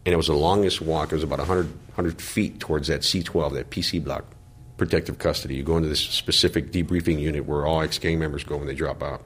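A middle-aged man with a very deep, husky voice recounts his past in a slow, heavy, confessional way. He speaks as an interviewee looking back on his years inside a gang. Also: steady tone. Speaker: interviewee, former prison gang member. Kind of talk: reflective personal testimony.

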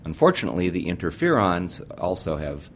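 Deep-voiced man explaining, faint rumble. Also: big pitch swings, brisk, fairly bright tone. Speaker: expert guest, doctor. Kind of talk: explanatory interview. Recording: faint low rumble noise.

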